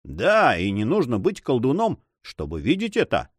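A man voicing an excitable, easily discouraged male sailor who complains and exclaims. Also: medium pitch, normal speed, breathy edge, no room sound, clean studio sound.

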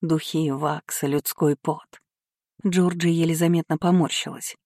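Warm, measured audiobook narrator. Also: medium pitch, no echo, studio quality. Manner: even, measured storytelling. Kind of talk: scripted narration.

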